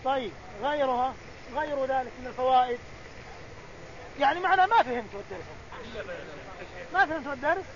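Man, very high voice, religious teacher, quizzing students, muffled recording, faint background noise. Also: brisk, pauses often. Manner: explains and quizzes students directly. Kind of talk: classroom Quran lesson.

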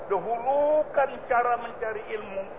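A man's voice: extremely high pitch, normal speed. A man teaching a religious study lesson on a hadith text, emphatic and asking and answering his own questions. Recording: muffled lo-fi recording with clear background noise.

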